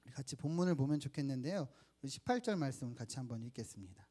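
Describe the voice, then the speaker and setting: A man's voice: medium pitch, lively intonation, very fast, dark tone. A man in his thirties preaching a sermon at church, telling personal stories and asking the congregation questions. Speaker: pastor. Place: church sanctuary.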